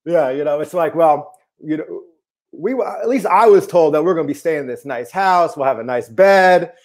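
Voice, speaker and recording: A man's voice: on the high side, normal speed. A man from the Seattle area, a basketball coach, chatting casually and telling stories over a video call. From Seattle area, USA. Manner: laid-back, laughs easily, says man a lot. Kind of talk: casual chat, storytelling. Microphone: remote video call.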